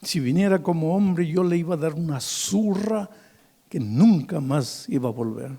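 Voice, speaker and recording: A man's voice: fairly high pitch, lively intonation, pitched above the performer's own voice. A man putting on a weeping, ashamed drunk man. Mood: pleading. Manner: pleading, halting, quiet and broken. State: crying. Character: sobbing drunk middle-aged man, ashamed and desperate.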